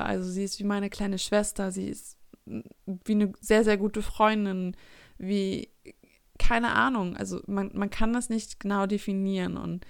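A woman's voice: medium pitch, gravelly, clean tone, no echo, clean studio sound. A woman in her twenties talking reflectively in a casual personal monologue, often searching for her words. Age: 20s.

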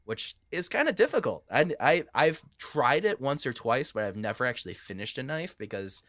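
A man hoarse from coughing, with a rough smoker's rasp, chatting informally as a co-host. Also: medium pitch, very animated, normal speed, fairly bright tone, no echo, clean studio sound. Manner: informal, sweary. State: hoarse after weeks of coughing. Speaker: podcast co-host, knife maker. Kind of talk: casual chat.

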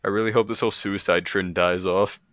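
A man co-hosting a podcast, chatting casually and cracking blunt, deadpan jokes. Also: sits low, a little fast. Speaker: podcast co-host. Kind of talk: casual chat.

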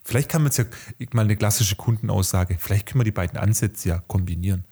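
Ein Mann diskutiert als Co-Moderator in einem lockeren Podcast und zählt Argumente auf. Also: male voice, fairly low pitch, quick pace, warm tone, husky. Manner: argumentative, lists points. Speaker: podcast co-host. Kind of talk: casual podcast chat.

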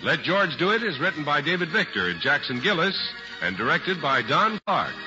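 A man's voice: on the high side, big pitch swings, moderate pace. An American man reading scripted announcements in vintage mid-century radio style. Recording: muffled vintage radio recording with music.

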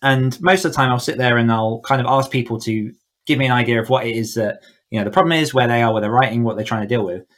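Speaking fast in a mid-range voice, a man appears as an author coach in a conversational podcast interview, explaining things informally with lots of "like" and "you know." He is on an online call from a room at home, indoors.

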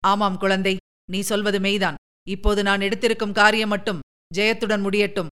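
A woman voicing a stern old king who questions his daughter gruffly. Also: medium pitch, flat delivery, fairly quick, fairly bright tone, natural voice.

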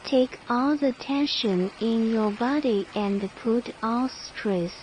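A woman leads a guided relaxation in a soft, soothing spa manner. Her high voice is mellow and very slow. Ambient noise sits behind her. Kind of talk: guided meditation narration. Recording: noisy ambient background sound.

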